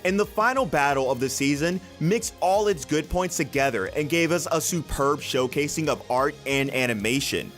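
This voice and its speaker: A man's voice: a little high, animated, normal speed, few pauses, a bit bright, faint music behind. A man reading scripted countdown narration for a video list.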